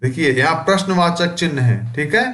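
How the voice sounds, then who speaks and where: A man teaching a school lesson, reading a play aloud and explaining it slowly and deliberately, drawing out words to show their sounds. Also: on the high side, a bit bright, echoey room.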